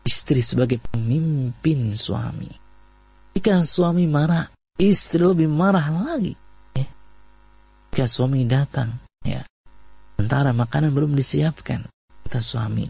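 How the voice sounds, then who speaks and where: Indonesian male preacher, husky and gravelly tone, dull lo-fi recording. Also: fairly high pitch, no room sound. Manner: repetitive, animated storytelling with acted quotes. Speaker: Islamic preacher. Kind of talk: radio-style sermon on marriage.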